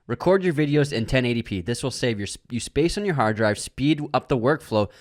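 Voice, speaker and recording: Young podcast cohost guy, really lively up-and-down voice, dry no-room sound. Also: mid-range voice, fairly quick, no echo. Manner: animated, laughs between lines. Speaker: podcast co-host. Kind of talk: casual chat, reading fan jokes aloud.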